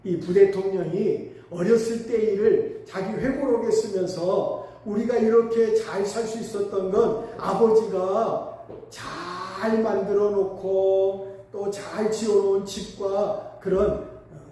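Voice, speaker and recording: A man's voice: high-pitched, fairly even intonation, slow pace, dark tone. A male pastor preaching a sermon, telling a story with emphatic swells. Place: church sanctuary. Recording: echoey church hall, mic at a distance.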